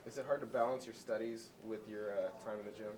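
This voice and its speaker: Male reporter, lowish voice, quick direct questions from a distance. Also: fairly even intonation, a little mellow. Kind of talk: press scrum questioning. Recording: distant mic with crowd noise.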